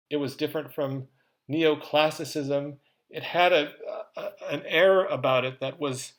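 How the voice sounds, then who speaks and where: A man giving a recorded art history lecture in a conversational way, with casual asides. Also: fairly high pitch.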